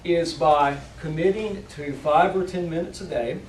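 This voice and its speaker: Higher-pitched man giving a speech, roomy distant recording. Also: a little mellow. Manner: deliberate, emphatic phrasing with dramatic pauses. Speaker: competition public speaker. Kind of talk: rehearsed motivational speech to an audience. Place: indoor room, speaking to a live audience. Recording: roomy, distant mic, faint background noise.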